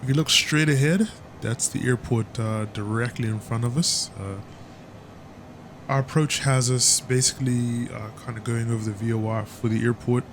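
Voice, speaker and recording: Casual male flight sim streamer, mid-pitched, rambling commentary, engine rumble behind. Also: steady tone, moderate pace. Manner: chatty, stumbling with fillers.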